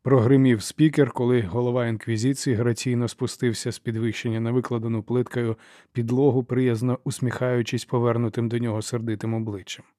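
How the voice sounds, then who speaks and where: A man narrating a fantasy novel as an audiobook, in a steady, even storytelling manner. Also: mid-range voice, a little fast, dry recording, clean studio sound.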